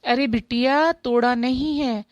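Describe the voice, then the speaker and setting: A woman voicing a kindly older village healer man in a spoken story, calm and reassuring. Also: on the high side, unhurried, dry recording, highs cut off, natural voice. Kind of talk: storybook voice acting.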